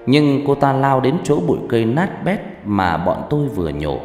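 Male audiobook narrator, animated dramatic read, long reverb, faint music bed. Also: medium pitch, moderate pace. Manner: lively, dramatic storytelling. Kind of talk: scripted horror story narration. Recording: echoey hall with faint background music.

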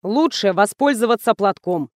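A woman reading the part of a calm, dryly ironic male publisher. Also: mid-range voice, moderate pace, no room sound, clean studio sound, close to an everyday voice.

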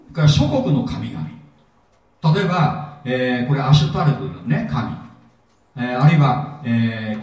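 Guy preaching at a bible seminar, mellow voice, really echoey hall, mic kinda far off. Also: mid-range voice. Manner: lively, jokey, asks the audience questions. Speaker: pastor and seminar teacher. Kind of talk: sermon-style Bible seminar lecture.

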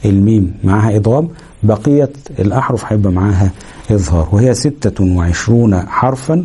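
A man with an Egyptian Arabic accent gives a lesson on recitation rules. His voice is very dark and somewhat husky, and he talks at a fast clip. He breaks up his explanations with fillers and checks in with his listeners as he goes. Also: fairly low pitch. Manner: explains step by step, pauses with fillers, checks understanding. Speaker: Quran recitation teacher.

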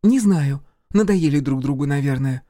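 A man's voice: on the high side, expressive, normal speed, warm tone, dry recording, studio quality, pitched above the performer's own voice, natural voice. A man voicing a bored, snappish teenage girl.

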